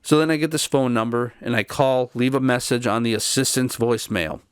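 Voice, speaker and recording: A man talks straight to camera in a casual, worn-out voice, sounding fed up as he walks through what happened. His pitch sits in a middling range. The sound is dry and close, with no room echo. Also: brisk, clean tone. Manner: weary, exasperated retelling of events. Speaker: channel host.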